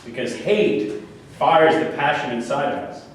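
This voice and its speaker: Faint noise and strong echo fill a large room where a man with a higher voice reads the part of a manipulative, deluded killer obsessed with a woman. Unhurried and animated, he declaims in a pompous, preachy style that feels intense and seductive, heard through a far mic at this staged reading.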